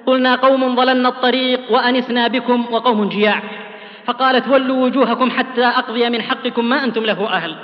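A man preaching a sermon, telling old stories fervently and dropping low and soft on solemn phrases. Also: in a large hall, highs cut off. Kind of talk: sermon with storytelling.

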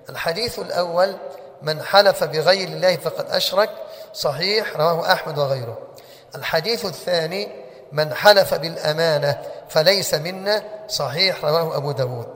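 A man's voice: on the high side, fairly bright tone. A man teaching a religious lesson, who keeps asking his listeners rhetorical questions. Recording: long hall reverb.

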